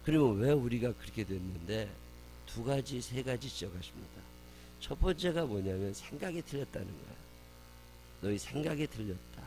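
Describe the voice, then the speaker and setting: A man's voice: mid-range voice, animated, moderate pace, dark tone, slight background noise. A man pastor giving a sermon, posing rhetorical questions and answering them with emphatic repetition. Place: church.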